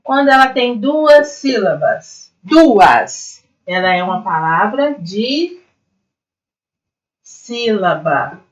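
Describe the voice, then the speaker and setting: A woman's voice: a little high, expressive, poor audio. Patient woman teacher, Brazilian accent. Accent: Brazilian Portuguese. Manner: patient, step-by-step, checks in with "tá?" and "né?"; sounds out syllables slowly. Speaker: primary school teacher. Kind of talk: recorded online class.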